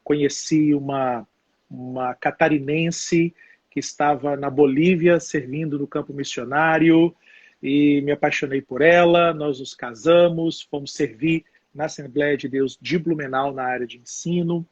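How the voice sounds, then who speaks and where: Husky mineiro pastor on a muffled call. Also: male voice, fairly high pitch, steady tone, a little slow, dry recording. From Brazil, Minas Gerais. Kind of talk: casual live stream conversation. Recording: dull, muffled, dry remote audio.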